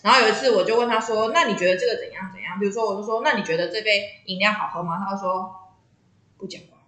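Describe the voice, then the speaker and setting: A woman, chatting casually and telling stories, animated, laughing often and acting out the voices of people she quotes. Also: medium pitch, rapid-fire, echoey room, low-quality recording. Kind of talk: casual chat, storytelling.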